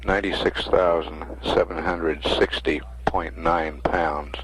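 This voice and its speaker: An American man giving measured status commentary as a mission control announcer, reading out figures. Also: low-pitched, fairly even intonation, a bit bright, slight background noise, rough recording.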